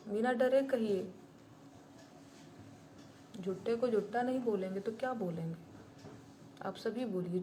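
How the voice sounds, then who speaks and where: A woman's voice: fairly high pitch, dark tone, a little hiss or hum. A woman singer-songwriter talking bluntly and indignantly to her viewers on a live stream. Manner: blunt and indignant, plain-spoken.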